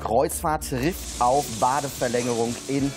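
A man's voice: medium pitch, steady tone, measured pace, over music. A man in his forties hosting a TV shopping show from a studio kitchen, teasing his guest with jokes and reading out order numbers. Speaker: TV shopping host. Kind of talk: joking TV sales presentation.

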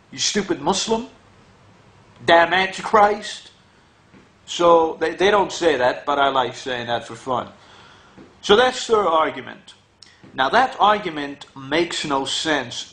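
A man's voice: fairly high pitch, fairly bright tone. A man delivering an argumentative video monologue in a sarcastic, mocking tone, firing rhetorical questions at his listeners. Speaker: religious commentator.

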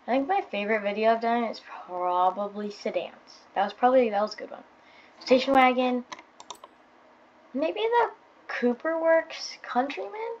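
In casual racing-game commentary, a weary gaming host with a mid-range, scratchy morning voice chats away, thinking aloud and counting down launches. The game's loud car engines rumble behind her.

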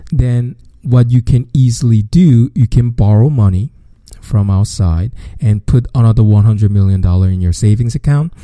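Guy in his 30s, walks thru money stuff slow and methodical, dry close mic. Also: fairly low pitch, dry recording. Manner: steady, methodical explaining with simple repeated phrasing. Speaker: podcast host. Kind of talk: explanatory podcast lecture.

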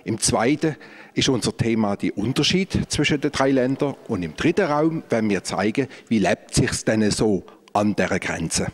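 A man's voice: mid-range voice, animated, normal speed. Man guiding a museum tour. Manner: explanatory, pointing out exhibits. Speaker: museum director. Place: large indoor exhibition hall. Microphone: handheld microphone.

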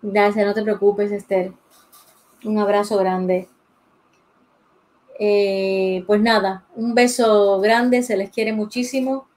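Taking it slowly and pausing often, a drawing teacher streaming live chats casually as she draws, thinking aloud and greeting viewers by name. Her mid-range voice is a little mellow with fairly even intonation. The recording is rough, captured by a desk mic beside the pencil sharpener.

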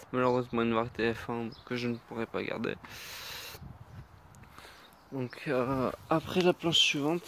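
A man giving a casual tour of his vegetable garden, talking in an unhurried, hesitant way with many fillers. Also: mid-range voice, slight background noise.

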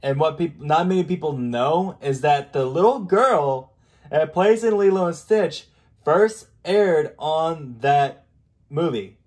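A man hosting a casual live stream, chatting in a rambling, halting way full of fillers over a video chat mic. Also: a little high, lively intonation, darkish tone. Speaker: streamer host. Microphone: video chat computer mic.

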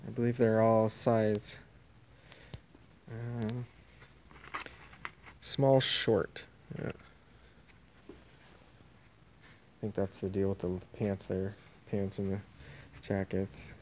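A lowish, darkish male voice comes through flat and very slow, broken by frequent pauses, with a bit of hiss or hum on the phone recording. He's wandering a warehouse and tent, offhandedly listing auction items and letting sentences trail away in casual walkthrough style.

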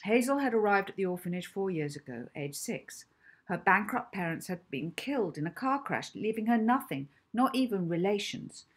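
Husky woman reading her own storybook. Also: mid-range voice, moderate pace. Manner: animated storytelling, acting out lines. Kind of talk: expressive audiobook narration.

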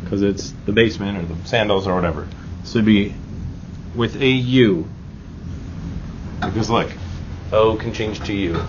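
In a lowish voice at moderate speed, broken up by long pauses, a male Spanish teacher covers grammar. His classroom style is laid-back and supportive, punctuated by brief rhetorical check-in questions. Audio quality is dull and lo-fi, and background noise comes through clearly.

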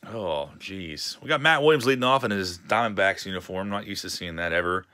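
A man's voice: sits low, a little fast, sharp tone. A man, casually chatting with a live-stream chat while opening card packs at a home desk. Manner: chatty, reads chat messages aloud with laughs.

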